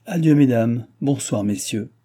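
A man voicing an old French king who speaks in a formal, clear way. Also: mid-range voice, a little slow, mellow, lightly acted. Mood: regal.

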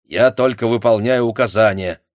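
A man's voice: fairly low pitch, moderate pace, dry recording, studio quality, close to an everyday voice. A man reading an audiobook voices a brusque village chairman, curt and folksy. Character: brusque middle-aged male village chairman.

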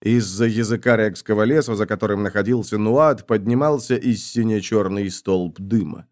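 A man reading a fantasy audiobook aloud, voicing all the characters himself and shouting their battle orders. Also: on the low side, normal speed. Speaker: audiobook narrator.

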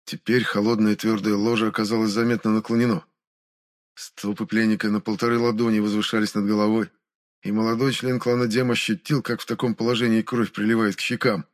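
Man, audiobook narrator, measured steady reading, dark fantasy. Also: on the low side.

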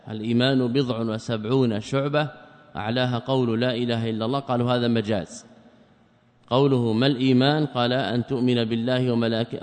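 A male sheikh teaches a classical religious lesson in a large hall, and his mid-pitched voice carries a long reverb. He poses questions to his students and answers them himself. Now and then he recites grammar verses from memory. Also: a little mellow. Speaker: sheikh teaching a creed commentary.

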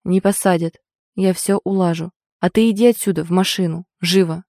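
Firm, commanding man, as a woman voices him; dark, mellow tone, dry recording. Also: on the low side, steady tone, brisk, no echo, natural voice. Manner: firm, barking orders. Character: stern commanding man, protective older brother.

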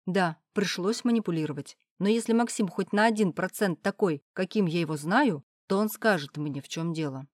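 A woman reading a first-person audiobook in an even, measured way. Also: fairly low pitch, dry recording, clean studio sound. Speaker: audiobook narrator.

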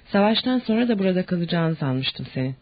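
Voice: mid-range voice, lively intonation, quick pace, no echo, close to an everyday voice. A reader voicing a sarcastic male army officer who mocks a comrade. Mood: mocking. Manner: teasing, mocking. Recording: dull lo-fi audiobook recording.

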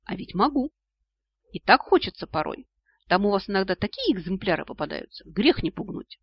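Sentient blood, insolent and cheeky, raised husky tone, man reading, muffled dry audio. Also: high voice, big pitch swings, a little fast, no echo, heavily acted. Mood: mocking. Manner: mocking, insolent taunts. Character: snarky talking blood, female, rude and cheeky. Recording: dull lo-fi audio.

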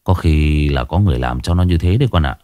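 A man voicing a frightened older father who speaks in a hushed, cautious way. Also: rumbling low, lively intonation, quick pace, music in the background, voice pushed down.

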